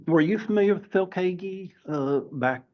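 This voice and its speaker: A man in his seventies teaching a class, often pausing and filling gaps with "uh" and "um". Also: sits high. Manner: halting, many filler sounds. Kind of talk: lecture to a class. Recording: dull lo-fi recording.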